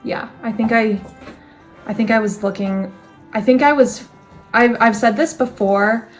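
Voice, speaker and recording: A woman's voice: a little high, a little slow, faint music behind. A young woman in casual chat, thinking aloud in a reflective, rambling way with restarts. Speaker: co-host.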